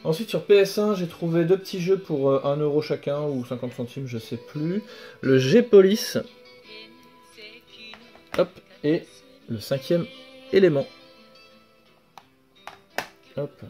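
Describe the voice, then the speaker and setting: Relaxed young man chatting over soft music. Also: a little high, slow pace, long pauses. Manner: relaxed, hesitant, many fillers and self-corrections. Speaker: video game collector vlogger. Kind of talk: casual show-and-tell vlog. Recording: faint background music.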